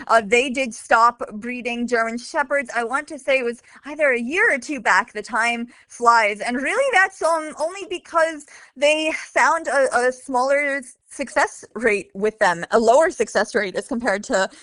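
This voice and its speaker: A woman from Bosnia talks through her experience as a guide dog handler, informative and thorough, with plenty of ums along the way. Her voice sits fairly high and the sound is dry and close. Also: normal speed, few pauses, a bit bright, no room sound. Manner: informative, detailed, frequent fillers. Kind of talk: conversational interview.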